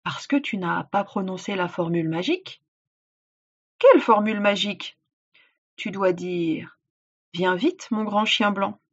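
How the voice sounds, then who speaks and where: A woman's voice: mid-range voice, a little slow, pauses often, breathy edge. A woman voicing a clever, unflustered old grandmother who talks her way out of danger, in a dull lo-fi recording. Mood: sly.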